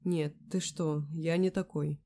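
A woman's voice: low voice, steady tone, slow pace, mellow. A woman reading a charming, easygoing young man teasing a girl on the phone in an audiobook, with a velvety voice. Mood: reassuring. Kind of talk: audiobook character voice.

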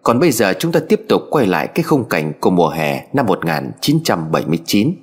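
A man narrating a story in a measured, dramatic way. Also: deep voice, big pitch swings, slightly rough. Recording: faint background music. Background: faint music.

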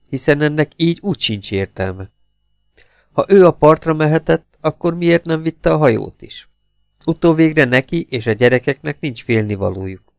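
A man narrating a pulp novel as an audiobook, reading in a lively, expressive way. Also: medium pitch, creaky, no echo, studio quality.

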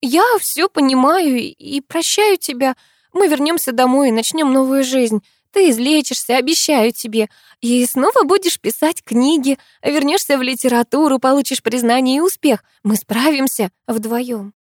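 A woman reading an audiobook, voicing a sweetly scheming young woman who speaks in a bright, coaxing, sugary way. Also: high-pitched, normal speed, no echo, studio quality, pitched above the performer's own voice. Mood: sugary, scolding.

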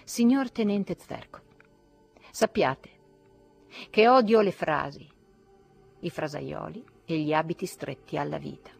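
A woman's voice: low-pitched, level tone, normal speed, creaky, hardly any pauses, a little mellow, husky, faint music behind, exaggerated voice. A woman reading an audiobook, voicing a bitter, feverish young male outcast who declaims shrilly and defiantly.

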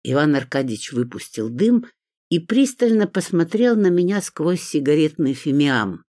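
An expressive reader narrating a first-person audiobook, giving characters their own voices. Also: medium pitch, normal speed, no echo, clean studio sound.

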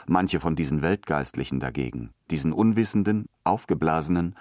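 A self-assured middle-aged man of the world, as a man reads him. He speaks in a deep, calm, lecturing tone. The sound is dry and close. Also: fairly quick, no room sound. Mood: knowing.

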